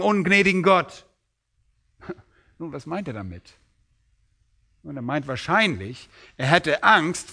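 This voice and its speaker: Man, preacher, sermon, emphatic, slightly high pitch. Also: gravelly, bright, forceful tone. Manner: emphatic, rising sharply when quoting the master.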